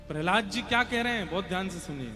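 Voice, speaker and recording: A young male kathavachak preacher with a high voice gives an earnest devotional sermon, chanting Sanskrit verses as soft music plays underneath. He urges his listeners to listen closely. He speaks in a large hall before a seated audience.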